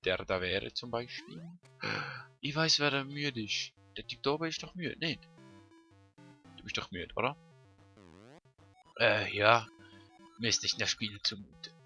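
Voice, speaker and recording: Chatty Swiss German let's play host. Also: male voice, mid-range voice, animated, a little slow, pauses often, soft background music. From Switzerland. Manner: chatty, muttering to himself, bursts of frantic shouting. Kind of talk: casual gameplay commentary.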